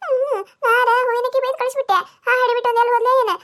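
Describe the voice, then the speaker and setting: A woman doing a shrill nagging village mother-in-law. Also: level tone, rapid-fire, a bit bright. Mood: grumbling. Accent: North Karnataka. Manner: grumbling, nagging, talking to herself. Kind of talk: cartoon comedy voice-over.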